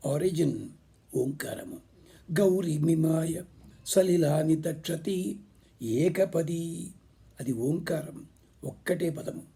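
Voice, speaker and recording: A man giving a spiritual discourse, explaining slowly and drawing out recited words. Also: a little high, vocal fry, dark tone, husky. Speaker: speaker on scripture.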